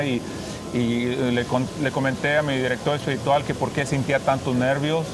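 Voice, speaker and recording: Brief: young Mexican priest as a guest, hesitant and restarting, mid-range voice, noisy background. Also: male voice, medium pitch. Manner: halting, many restarts and fillers. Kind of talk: interview guest, personal testimony.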